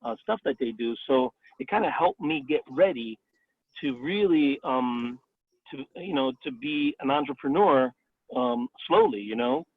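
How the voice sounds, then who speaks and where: A man's voice: mid-range voice, expressive, a little slow, no room sound. A man in his forties, a restaurant owner and chef, talking casually in a career interview and filling his answers with "um" and "you know". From Italy, raised in the Bronx, New York. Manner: chatty, many fillers like "um" and "you know". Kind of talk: career interview over a call. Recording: tinny phone-like line, dry.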